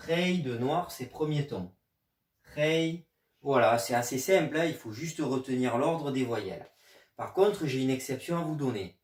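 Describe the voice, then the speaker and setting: Male teacher, patient explainer, spells letters out slowly; roomy echo, mic set back from the speaker. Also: mid-range voice, darkish tone. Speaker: Chinese language teacher. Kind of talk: explanatory video lesson. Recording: echoey room, mic at a distance.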